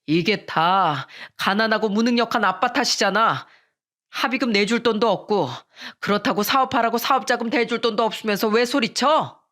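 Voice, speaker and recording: A woman's voice: a little high, normal speed, natural voice. A woman voicing an angry old father. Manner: loud scolding.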